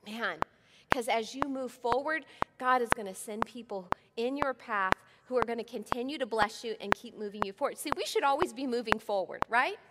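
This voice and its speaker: Middle-aged woman preacher, conversational and earnest, in a big echoing sanctuary with loud noise behind. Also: fairly high pitch, normal speed. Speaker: pastor. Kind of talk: sermon. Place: church sanctuary. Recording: long hall reverb, loud background noise.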